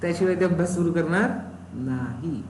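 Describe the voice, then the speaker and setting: A man is teaching a technical class, his voice set high. He keeps quizzing the students and repeating the key terms. The room is echoey and a faint noise sits underneath. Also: normal speed, a little mellow. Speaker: instructor. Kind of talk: live technical class explanation. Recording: roomy echo, faint background noise.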